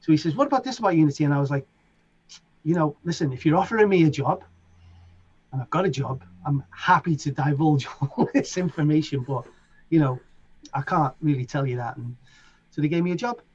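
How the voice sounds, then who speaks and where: His voice is a little high and breathy, brisk but broken by long pauses, as the middle-aged English DJ and producer with a Liverpool accent recounts stories in a relaxed interview. He animatedly acts out others' lines in raised voices, over dull lo-fi sound.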